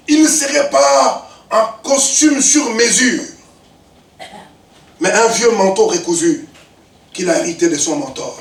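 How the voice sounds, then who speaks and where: A man in his fifties preaches with a strikingly high voice and unhurried, deliberate delivery. He swings between ringing shouts and low asides, and the sound comes from a distance in an echoey church hall. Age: 50s. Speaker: pastor. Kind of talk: sermon.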